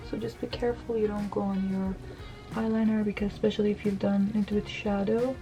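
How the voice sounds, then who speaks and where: In a get-ready-with-me Q&A filmed at home in her bedroom, a thirty-something beauty blogger from Iran does her makeup and talks candidly with frequent fillers. The desk-mounted camera gives poor audio with soft music underneath, and her mellow, medium-pitched voice moves little in pitch and runs a bit fast.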